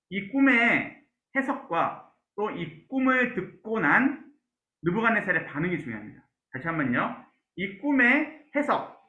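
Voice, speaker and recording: Male pastor, lively, high-pitched teaching voice; asks the class questions; roomy lo-fi sound. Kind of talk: Bible class lecture.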